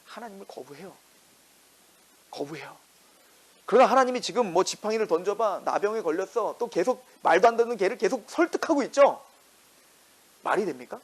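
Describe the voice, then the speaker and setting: A male pastor preaching a sermon in a lively way, firing rhetorical questions and acting out the quotes in his story. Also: high voice, rough recording.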